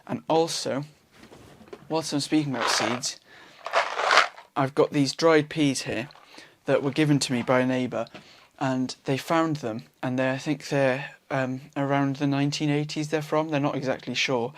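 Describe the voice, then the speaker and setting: Out in the garden, a young man from Wales chats his way through his tasks for a casual how-to vlog, mid-pitched, relaxed and in no hurry. Ums and self-corrections pepper his speech. Faint birdsong carries through a noisy background.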